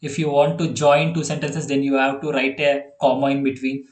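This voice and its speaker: A man's voice: medium pitch, monotone, moderate pace. Man, Indian English accent, coding tutor, laughs often, echoey room. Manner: chatty, laughs often, repeats okay and yeah. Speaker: programming tutor. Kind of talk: online one-on-one coding lesson.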